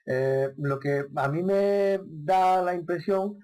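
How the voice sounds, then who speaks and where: A man's voice: sits high, takes it slowly, mellow, clear, resonant tone. A man hosting a radio talk show, asking questions about a film in a hesitant, thoughtful way with many fillers. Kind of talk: casual radio interview.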